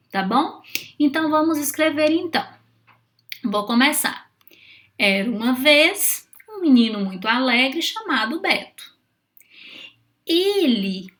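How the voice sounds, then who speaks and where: A woman's voice: on the high side, fairly bright tone. A woman teaching young children how to write, speaking patiently and often checking in with short questions. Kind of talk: children's writing lesson.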